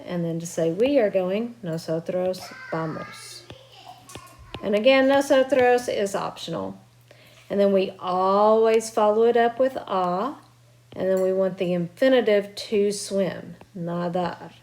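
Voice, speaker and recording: A woman teacher records a remote grammar lesson from her home. Her voice sits at an ordinary middle pitch for a woman. She explains each step patiently and keeps encouraging her students. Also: measured pace, a little mellow. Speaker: Spanish teacher. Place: at home with children nearby.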